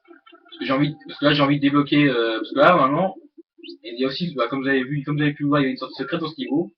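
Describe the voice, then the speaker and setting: A man's voice: medium pitch, rapid-fire. A young man hosting a let's play, rambling with many hesitations and swearing at the game. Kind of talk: casual gameplay commentary. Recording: dull lo-fi mic with game music.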